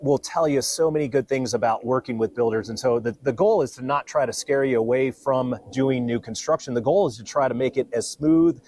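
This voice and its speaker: A man's voice: medium pitch, fairly quick, hardly any pauses, darkish tone, slight background noise. A man hosting a real estate video, giving casual advice in a conversational way with frequent restarts and folksy phrases. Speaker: real estate agent, channel host. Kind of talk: casual advisory chat.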